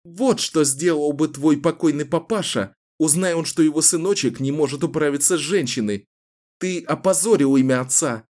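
Man doing a fierce young woman, high and mocking, taunting her captor, audiobook. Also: normal speed, darkish tone, close to an everyday voice. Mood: scornful. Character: defiant, furious young woman captive. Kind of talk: audiobook character voice.

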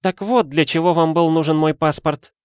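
A man voicing a haughty, sharp-tongued young married lady in an audiobook, with a scornful, imperious manner. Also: on the high side, moderate pace, no echo, studio quality, pitched above the performer's own voice, natural voice. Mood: indignant. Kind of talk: audiobook character voice.

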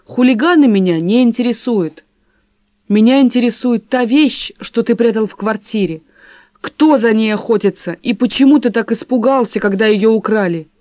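A woman voicing a sharp-tongued wife who speaks forcefully and cuttingly. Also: fairly high pitch, lively intonation, normal speed, no echo, dull audio, natural voice. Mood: indignant. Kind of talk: audiobook character voice.

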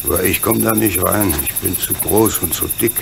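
Guy acting a big fatherly train driver, low gravelly voice, radio play, crickets and noise behind. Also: normal speed. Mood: grave, worried. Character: burly, kindly, fatherly male locomotive engineer. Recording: noisy recording with cricket chirps behind. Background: chirping crickets, night ambience.

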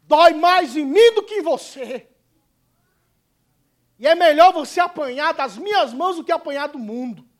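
A man's voice: extremely high pitch, expressive, normal speed, long pauses, voice pushed up. A man voicing a stern but loving mother who scolds her son through tears. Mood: firm.

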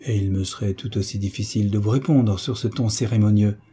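A man's voice: lowish voice, steady tone, a little fast, slightly rough. A man voicing a gracious young duchess. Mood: tender. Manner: gentle, affectionate questioning.

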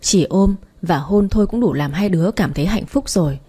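Woman narrator, first-person story reading, husky voice, dark mellow tone, even manner. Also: fairly low pitch, brisk.

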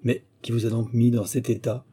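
Man doing a curt, commanding gentleman, storybook master, dark, husky. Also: medium pitch, flat delivery, brisk. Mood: impatient. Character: impatient middle-aged gentleman, stern master. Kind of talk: audiobook character reading.

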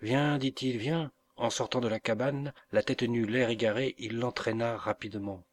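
A man reading a novel aloud as an audiobook, in a slow, measured way. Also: medium pitch, steady tone. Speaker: audiobook reader. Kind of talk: scripted narration of a novel.

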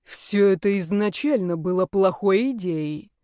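A woman's voice: mid-range voice, lively intonation, a little slow, warm tone, dry recording, clean studio sound, close to an everyday voice. A woman voicing a stern, furious young male sorcerer who speaks in a cold, clipped, threatening way. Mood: menacing.

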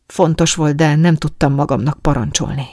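A woman reading a husky, hushed male lover. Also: low-pitched, steady tone, no room sound, clean studio sound. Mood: hushed, pleading. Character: soft-spoken man, a hushed courteous lover. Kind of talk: audiobook reading.

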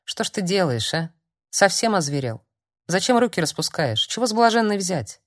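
Blunt gruff warrior man, reproachful, steady, read by a woman, audiobook. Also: lowish voice, normal speed, no room sound, clean studio sound.

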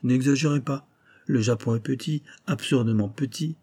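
A man's voice: mid-range voice, steady tone, normal speed, mellow, no echo, natural voice. A man doing a curt, cold old billionaire. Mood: scornful. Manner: curt, dismissive, clipped.

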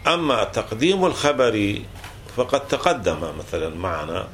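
A man's voice: lowish voice, very animated, moderate pace, a bit bright, a little hiss or hum. A man teaching a classical grammar text, explaining patiently and restating each rule several times with small self-corrections.

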